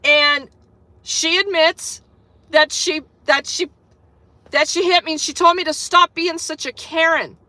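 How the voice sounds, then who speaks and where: A woman with a high, sharp, bright voice tells a story in a casual vlog. She swears freely and retells the clash with animated energy. The sound is dry and close, with little room echo. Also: unhurried. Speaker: vlogger.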